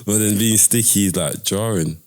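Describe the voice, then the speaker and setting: Deep-voiced man hosting a casual chat. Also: moderate pace. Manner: relaxed, chatty, filler-heavy, laughs easily. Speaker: podcast host.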